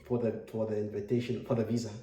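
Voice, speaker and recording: Man, dark mellow tone, casual step-by-step explaining, echoey room, off-mic. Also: fairly low pitch, flat delivery, fast talker, distant mic. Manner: affirms often with short yeps. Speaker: vlog co-host.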